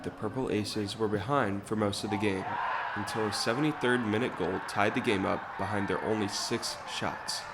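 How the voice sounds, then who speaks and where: A man's voice: on the low side, steady tone, normal speed, heavy background noise. A young man narrating a scripted sports recap as a field reporter.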